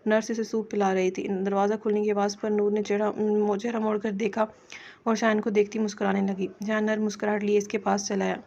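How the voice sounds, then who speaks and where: Flat-voiced woman reading a novel aloud. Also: medium pitch, brisk, vocal fry, highs cut off. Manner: flat, even reading voice with some stumbles. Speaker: novel narrator.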